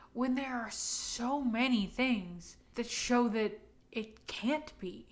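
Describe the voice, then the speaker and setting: A woman's voice: mid-range voice, a bit bright. A woman in her twenties, drunk and rambling emphatically through a casual, opinionated rant. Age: 20s.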